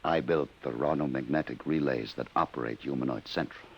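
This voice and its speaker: Guilt-ridden inventor, very deep and gravelly, old radio hiss. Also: male voice, fairly quick, muffled recording. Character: remorseful male inventor, grave and weary. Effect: old radio recording. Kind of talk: 1950s radio drama acting. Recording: hissy old radio broadcast.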